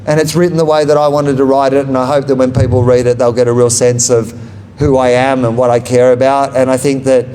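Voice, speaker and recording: A comedian and author talks about his book at a live bookshop event before an audience, taking questions and speaking into a handheld microphone. He rambles, jokes at his own expense and laughs at his own lines. His medium-pitched voice is warm and brisk with little pitch movement, plus a little hiss or hum.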